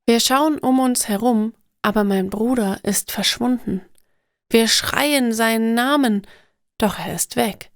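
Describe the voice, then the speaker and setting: A woman narrating stories for language learners in a slow, clear, deliberate scripted reading. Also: on the high side, dry recording, clean studio sound.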